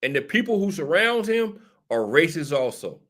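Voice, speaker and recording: A man's voice: a little high, big pitch swings, normal speed, fairly bright tone. A tipsy man hosting casual political commentary, laughing and rambling, repeating himself often. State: a little tipsy. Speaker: show host.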